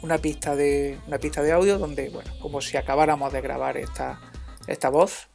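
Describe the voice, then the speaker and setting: A man with a fairly high, creaky voice and fairly even intonation narrates an informal music software tutorial as an instructor, speaking in a halting, hesitant way.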